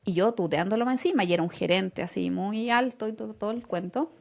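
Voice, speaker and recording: A young Chilean woman co-hosting a casual podcast tells a personal story, animatedly acting out the lines she quotes and laughing as she goes. Her mid-range voice is gravelly, and she talks a little fast.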